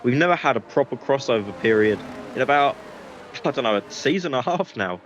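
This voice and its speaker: A man's voice: mid-range voice, lively intonation, brisk, a bit bright, dull audio, a little hiss or hum. A man co-commentating on motorsport, giving casual, opinionated analysis and conversational reactions to the race.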